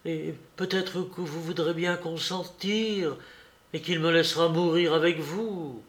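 A man reading aloud, voicing a sickly, cowardly young man who speaks in halting, breathless pleas. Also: on the high side, steady tone, pitched above the performer's own voice, lightly acted. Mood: terrified. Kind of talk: audiobook character reading.

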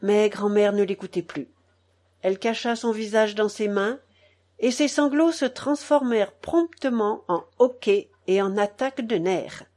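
Slow, measured woman narrating a novel. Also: medium pitch. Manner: slow, measured, expressive reading. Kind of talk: audiobook narration.

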